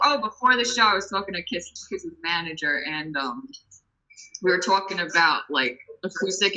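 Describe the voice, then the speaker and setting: Guest singer, young woman, bright and animated, full of quoted asides. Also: mid-range voice, poor audio. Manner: animated, acts out quotes, many "I'm like". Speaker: guest musician, vocalist. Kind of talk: casual storytelling.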